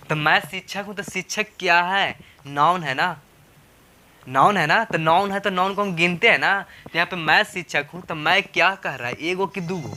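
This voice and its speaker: Male spoken-English teacher, very bright tone, slightly high voice, repetitive and coaxing. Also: slight background noise. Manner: repetitive, coaxing, asks rhetorical questions. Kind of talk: classroom lesson explaining grammar.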